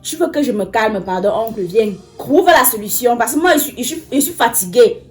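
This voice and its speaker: A woman's voice: fairly high pitch, lively intonation, fairly quick, soft background music, natural voice. An actress playing a tired woman pleading with her uncle, insistent and exasperated.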